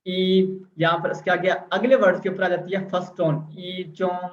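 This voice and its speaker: A man teaching a video language lesson, explaining step by step and drawing out example words slowly. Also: high voice, steady tone, a little hiss or hum. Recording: echoey lo-fi room recording.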